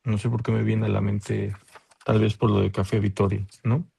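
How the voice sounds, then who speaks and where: A man gives measured feedback on a student's research over a video call. His voice is gravelly and husky, with a dark, warm tone, and he thinks aloud with frequent fillers. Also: lowish voice, flat delivery. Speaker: thesis committee member. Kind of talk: academic feedback.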